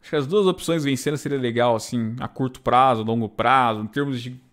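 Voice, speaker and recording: A man's voice: mid-range voice, brisk, a bit bright. A Brazilian man casually recapping wrestling shows, chatty and full of rhetorical tag questions. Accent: Brazilian Portuguese. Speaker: wrestling YouTuber.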